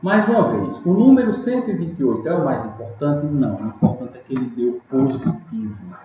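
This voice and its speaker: A man with a warm, sing-song, mid-range voice teaches math step by step at a fairly quick pace in a recorded online lesson. Patient, he checks in with his students often, and the room sound is echoey, dull, and lightly noisy.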